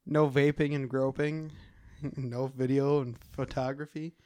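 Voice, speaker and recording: A man's voice: medium pitch, little pitch movement, mellow, clear, resonant tone, no room sound. A man from Wisconsin with a Wisconsin accent, co-hosting a podcast in casual, teasing chat and laughing often. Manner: bantering, quick to laugh, teasing. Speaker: podcast co-host.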